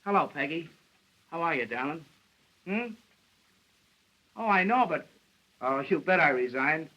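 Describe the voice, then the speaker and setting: A man's voice: a little high, lively intonation, measured pace, bright, forceful tone, muffled recording, exaggerated voice. An actor playing a brash, cocky newspaperman in slangy, wisecracking 1930s screwball comedy banter, on an old film soundtrack. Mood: affectionate. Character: brash, cocky newspaperman, quick-witted and scornful. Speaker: newspaper reporter.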